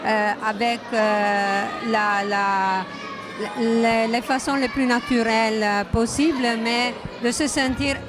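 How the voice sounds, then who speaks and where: A woman's voice: on the high side, level tone, slow, a crowd in the background. A woman speaking imperfect French with a foreign accent, hesitantly searching for words as she answers in an interview. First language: not French. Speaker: interviewee, religious association secretary. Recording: loud music behind the voice. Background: loud music.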